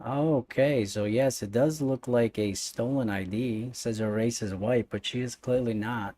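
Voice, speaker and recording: A man's voice: mid-range voice, normal speed, mellow. A man giving casual let's-play commentary as the host of a gaming video, with game ambience behind him.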